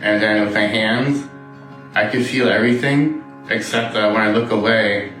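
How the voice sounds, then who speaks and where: Bright-voiced man with numb-lipped, impeded articulation. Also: fairly low pitch, steady tone, normal speed, soft background music, rough recording. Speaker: interviewee, transplant patient. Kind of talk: casual explanatory talk.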